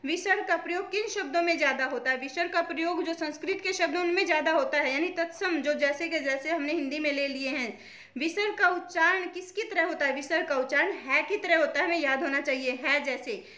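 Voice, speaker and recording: A woman's voice: high voice, fairly quick, sharp tone. A woman teaching an exam-prep grammar lesson, explaining step by step by asking questions and answering them herself. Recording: echoey room.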